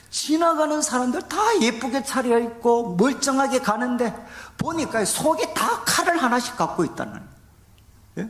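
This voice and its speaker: Middle-aged male pastor, lively pitch, conversational sermon full of rhetorical questions. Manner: animated, conversational preaching with frequent rhetorical questions and "예?".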